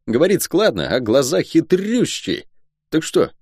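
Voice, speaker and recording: Man doing a high excitable soldier, cheeky gambler, loud and lively, audiobook figure. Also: measured pace, slightly rough, no echo, clean studio sound, heavily acted. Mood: chatty.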